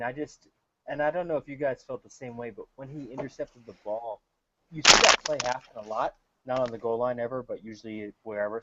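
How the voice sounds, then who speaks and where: A man's voice: mid-range voice, pushed and bright, slight background noise. A man hosting a casual sports chat, enthusiastic and swearing freely. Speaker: podcast host. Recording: dull lo-fi audio.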